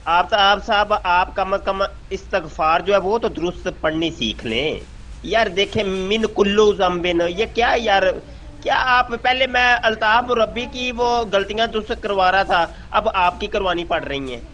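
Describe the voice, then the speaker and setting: High-voiced Punjabi-accented man lecturing. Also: bright, forceful tone, a little hiss or hum. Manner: lecturing, scornful, condescending. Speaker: debate group host. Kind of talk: voice-message debate. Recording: dull lo-fi voice message.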